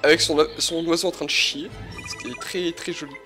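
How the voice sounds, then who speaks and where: A young man with a notably high voice trades animated, self-mocking banter while playing. Game music plays clearly behind him. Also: fairly quick. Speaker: co-host. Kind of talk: casual gameplay commentary.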